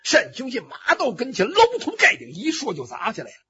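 A man's voice: very high voice, huge pitch swings, fairly quick, bright, forceful tone, breathy edge. A man telling a traditional Chinese story vividly, with spoken sound effects and acted cries. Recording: dull lo-fi recording.

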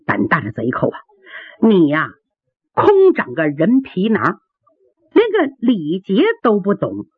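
Woman storyteller doing a fiery young princess, imperious and husky, dry phone-like sound. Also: lowish voice, wildly swooping pitch, unhurried, no room sound, exaggerated voice. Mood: furious. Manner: imperious, scolding. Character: young proud princess, quick-tempered and commanding.

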